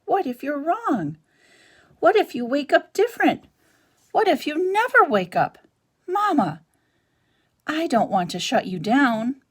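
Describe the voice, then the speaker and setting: A woman's voice: medium pitch, very animated, normal speed, fairly bright tone. A woman reading a children's novel aloud, voicing a young male gosling with an eager, anxious child's voice.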